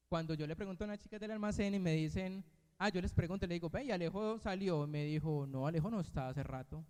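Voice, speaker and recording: A man preaching a sermon, telling a personal story, building to emphatic peaks and then dropping low. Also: a little mellow, clear, resonant tone. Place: church hall. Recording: reverberant church hall.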